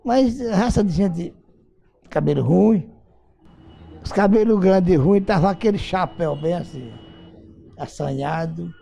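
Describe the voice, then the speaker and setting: An older man, recounting events he witnessed, lively and acting out the voices in his tale. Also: high voice, measured pace, creaky, pauses often. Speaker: eyewitness interviewee. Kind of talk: storytelling recollection.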